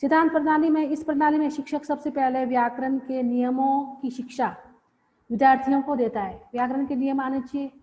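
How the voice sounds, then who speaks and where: A woman giving a classroom lecture, explaining slowly and repeating phrases with pauses. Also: high voice, dark tone. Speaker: teacher. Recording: dull lo-fi audio with long reverb.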